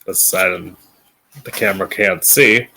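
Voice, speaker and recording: Slow, bright-voiced campy American drag queen. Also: sits low, gravelly. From Florida, United States. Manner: blunt, frequent swearing. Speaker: drag queen host of a political commentary show. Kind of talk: opinionated political monologue to camera.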